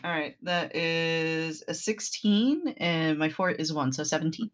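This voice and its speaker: A woman's voice: low-pitched, expressive, measured pace, a little hiss or hum. A woman playing a tabletop game, narrating her character in a loose, casual way with some swearing. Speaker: player.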